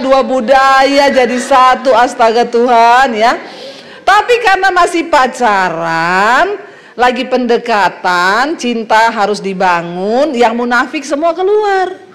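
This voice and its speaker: A middle-aged woman pastor from Sulawesi preaches with a high voice. She tells comic stories to a congregation, acting out the quotes and laughing often. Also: expressive, takes it slowly, fairly bright tone. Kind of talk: humorous sermon.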